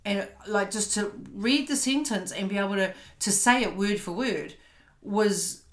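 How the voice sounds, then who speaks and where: Here a woman with a mid-range voice talks a little slowly. Sitting on her couch at home, she hosts a podcast in a casual, candid way, frequently stopping to search for the right word, and the room adds a noticeable echo.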